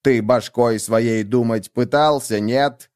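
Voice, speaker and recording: A man voicing a frantic young man who shouts urgent warnings, in a read-aloud story. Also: medium pitch, slow pace, smooth, dry recording, studio quality, lightly acted. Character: frantic male youth warning through a gadget.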